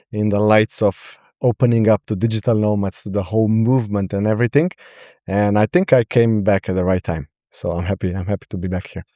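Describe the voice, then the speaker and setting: A man from Slovenia, a podcast guest, speaking in a halting way and often repeating words as he searches for them. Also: fairly low pitch, mellow, dry recording, clean studio sound. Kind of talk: podcast interview.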